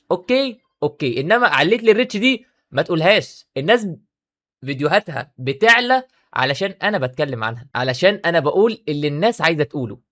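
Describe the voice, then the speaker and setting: A man with an Egyptian accent, commenting on a video clip in an animated, argumentative way, talking back at the other speaker. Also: a little high. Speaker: reaction video creator.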